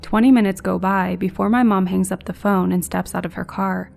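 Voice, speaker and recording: A woman calmly narrating a scary true-encounter story in a measured, scripted way. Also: medium pitch, gravelly. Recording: faint background music.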